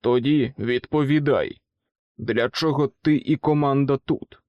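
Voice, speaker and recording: A man voicing an aggressive male ex-soldier who shouts loud, commanding orders. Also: mid-range voice, unhurried, no echo, muffled recording, lightly acted. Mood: barking orders.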